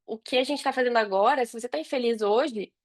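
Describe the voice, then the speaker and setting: Fairly high-pitched and quick, she's a Brazilian woman guesting on a podcast as a digital marketer. She chats casually and reasons through her replies aloud.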